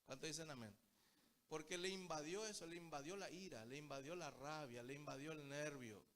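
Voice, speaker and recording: Fairly quick and a bit bright, his fairly high voice carries a storytelling Bible study sermon. The preacher, from Paraguay, keeps addressing his listeners as brothers.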